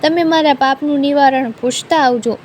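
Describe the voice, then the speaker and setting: A suffering crocodile from a storybook begs for help in a high, pleading voice, as a woman reading the tale plays it. It sounds gentle rather than fierce. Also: normal speed, a little hiss or hum, close to an everyday voice. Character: suffering crocodile burning inside.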